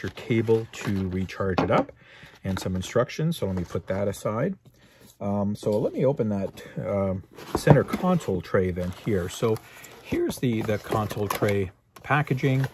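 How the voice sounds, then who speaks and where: A man's voice: lowish voice, a little mellow, slight background noise. A man hosting his own show, casually reviewing car accessories in an easygoing way, with lots of uh and um fillers. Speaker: host.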